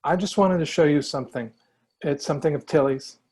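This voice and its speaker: A man playing an easygoing, slightly awkward high school boy, mild and hesitant, in a play reading. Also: brisk, a little mellow, slightly rough.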